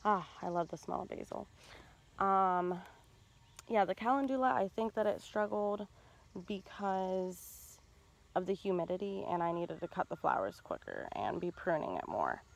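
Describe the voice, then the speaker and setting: A woman walks through her garden talking into her phone in a relaxed, chatty way, filling pauses with ums. Her voice sits a little low and has a gravelly fry. Insects chirp faintly in the open air around her. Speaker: home gardener vlogger. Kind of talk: casual garden tour narration. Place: outdoor garden. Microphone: handheld phone camera.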